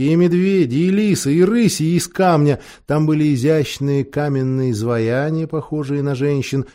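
A man narrating a fairy tale audiobook with expressive, dramatic storytelling. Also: on the high side.

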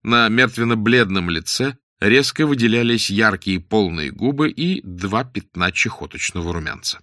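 A man narrating a story aloud in a measured, expressive reading. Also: fairly low pitch, no echo, studio quality. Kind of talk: scripted audiobook narration.

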